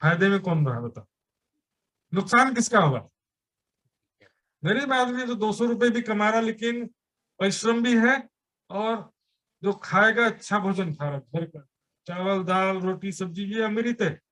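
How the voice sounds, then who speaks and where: A man's voice: high-pitched, measured pace, long pauses, fairly bright tone. A man giving a sermon at a temple gathering, explaining his teaching with everyday examples and rhetorical questions. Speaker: preacher.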